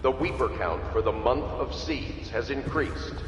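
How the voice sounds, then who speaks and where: An actor playing a stern, authoritarian city announcer, heard as a public loudspeaker broadcast giving formal commands. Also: male voice, mid-range voice, animated, a little slow. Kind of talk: video game playthrough. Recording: echoey loudspeaker from far off, noisy street.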